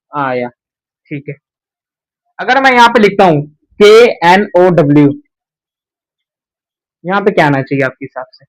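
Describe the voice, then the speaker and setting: A young male teacher explains grammar at a board with a fairly high voice. He poses each question to the class and answers it himself, often saying a word twice for emphasis. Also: rough recording. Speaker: English teacher. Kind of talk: whiteboard grammar lesson.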